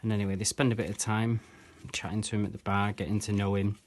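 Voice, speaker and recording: Male magician, low-pitched, chatty and rambling, storytelling patter over a card trick, faint hiss behind. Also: flat delivery, quick pace. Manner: chatty, rambling, strings quotes with "he says".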